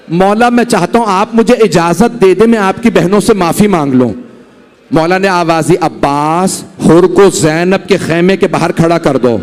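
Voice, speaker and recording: High-voiced Pakistani preacher, dramatic lament. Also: male voice. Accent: Pakistani Urdu. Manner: dramatic lamenting recitation, voicing figures in the tale. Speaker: cleric preaching a mourning sermon. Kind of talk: sermon. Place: mosque hall.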